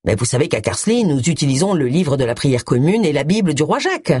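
A woman's voice: low voice, big pitch swings, fast, darkish tone, slightly rough, no echo, clean studio sound, exaggerated voice. A woman voicing an indignant middle-aged male vicar who talks curtly and scolds. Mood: defensive. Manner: curt, scolding.

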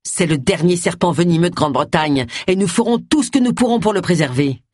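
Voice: mid-range voice, lively intonation, a little fast, darkish tone, dry recording, clean studio sound, lightly acted. A reader voicing an earnest young male snake specialist, lecturing in an audiobook.

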